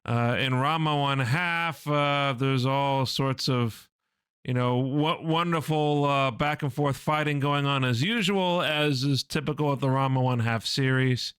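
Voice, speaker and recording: A man's voice: mid-range voice, a little slow, a bit bright, smooth, no room sound. A man co-hosting an anime podcast, chatting casually and explaining news at length with plenty of ums and uhs. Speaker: podcast co-host.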